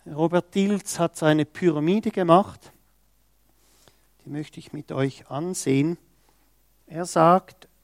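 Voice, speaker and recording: A man's voice: fairly high pitch, no room sound, studio quality. A man preaching a sermon, reading scripture and stressing quoted words with emphasis. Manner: slow, emphatic, acts out quoted speech.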